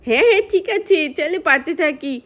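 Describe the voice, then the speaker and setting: A woman's voice: sits high, fast talker. A woman voicing a bossy older girl in a doll-play story. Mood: excited. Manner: bossy, excited.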